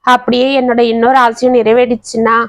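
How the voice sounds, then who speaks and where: A woman's voice: fairly high pitch, monotone, a little fast, dry recording, close to an everyday voice. A woman voicing an ailing, fond old grandmother who pleads breathlessly. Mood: tender.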